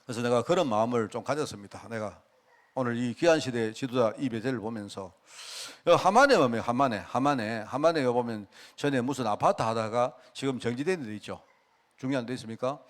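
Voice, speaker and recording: A man's voice: mid-range voice, fairly quick. A middle-aged male pastor, preaching a folksy sermon full of rhetorical questions. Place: church sanctuary.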